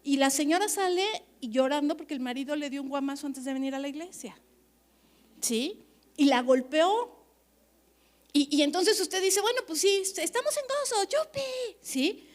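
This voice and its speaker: A woman pastor, preaching at a leaders' conference in an animated, chatty way, often checking that the audience agrees. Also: high-pitched, moderate pace.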